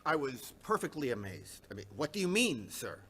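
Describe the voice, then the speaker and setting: A reluctant, anxious eighteenth-century minister tells of his troubles in formal, measured language, as a man reads him. The read is steady and plain. It sounds like a memoir read aloud. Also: medium pitch, breathy edge. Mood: protesting. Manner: measured, formal period diction. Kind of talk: reading a first-person memoir aloud.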